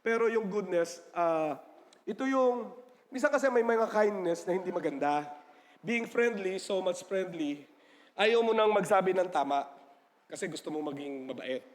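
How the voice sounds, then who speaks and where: A man's voice: high-pitched, lively intonation, moderate pace. A male pastor preaching a sermon in a chatty, joking way, often asking the congregation for an "amen" and mixing in English definitions. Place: church sanctuary. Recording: long church-hall reverb.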